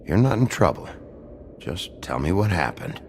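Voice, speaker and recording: A man playing a gruff, brooding wolf sheriff in a video game, gravelly and terse as he questions people. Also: deep voice, big pitch swings, normal speed, darkish tone, a little hiss or hum, exaggerated voice. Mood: calm, reassuring.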